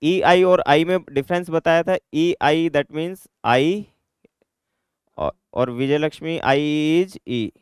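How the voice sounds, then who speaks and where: Slow, clear-voiced male language teacher. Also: on the high side, no echo, studio quality. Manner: repeats words slowly, drills pronunciation. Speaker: German teacher. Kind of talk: classroom grammar lesson.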